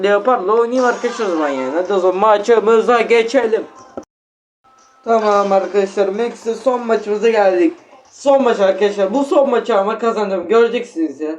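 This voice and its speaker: Excitable young man commentating a game. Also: sits high, a little hiss or hum. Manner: excitable, exasperated, talks straight to viewers. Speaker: gaming channel host. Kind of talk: live gameplay commentary.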